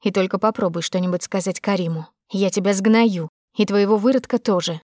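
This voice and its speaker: A woman voicing a spiteful, scheming wife who threatens in slow, hissing tones. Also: medium pitch, steady tone, darkish tone, no echo, clean studio sound, close to an everyday voice. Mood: venomous.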